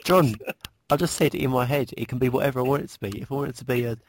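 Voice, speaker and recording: A man's voice: mid-range voice, very fast, very noisy. A man co-hosting a podcast, teasing the others in casual banter and stammering on restarts. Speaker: podcast co-host.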